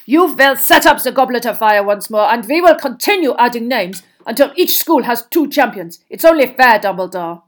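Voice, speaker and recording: A woman's voice: on the high side, animated, moderate pace, hardly any pauses, pitched above the performer's own voice, natural voice. Woman acting a cold, scheming male headmaster. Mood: furious. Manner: disdainful, unctuous, indignant.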